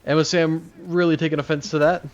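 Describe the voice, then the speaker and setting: A man's voice: a little high, flat delivery, brisk, lo-fi sound. A man casting an esports match as play-by-play commentator, joking and laughing between calls. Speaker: esports caster.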